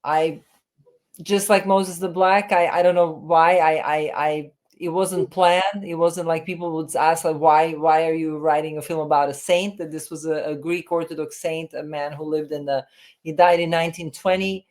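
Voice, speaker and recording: In a remote interview, a guest who directs and writes films, a woman from Serbia in her fifties, reflects on her experiences through storytelling. She has a low, steady, slightly mellow voice and a moderate pace, though she hesitates often, restarting sentences and using many fillers.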